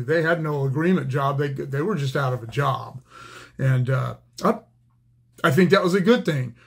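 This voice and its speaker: An older retired railroad man talks through his topic in a loose, plainspoken way. His voice sits a little higher than most men's. He stops often on fillers and restarts his sentences as he thinks. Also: breathy edge. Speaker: retired railroader, channel host. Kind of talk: casual explainer monologue.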